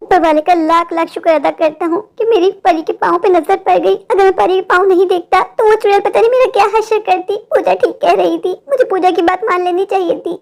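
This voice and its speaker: A woman voicing a lecherous, cowardly married man in an animated horror story, muttering asides to himself. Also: very high voice, fairly quick, vocal fry, hardly any pauses. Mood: frightened.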